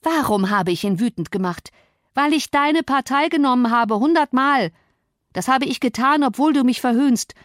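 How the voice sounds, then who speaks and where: A sullen, rough young man snaps back gruffly and curses, as a female reader puts him on. He stays defiant and unfriendly, and it is raised rather than lowered. The recording is dry and close. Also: animated, moderate pace, no echo. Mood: surly. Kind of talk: audiobook character voice.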